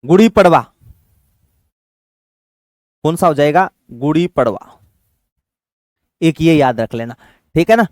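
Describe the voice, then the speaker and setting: Here a man with a high-leaning, expressive, slightly mellow voice runs an exam-prep lesson, with no room sound audible. He's paternal with the class, fields his own questions, and slowly chants memory tricks.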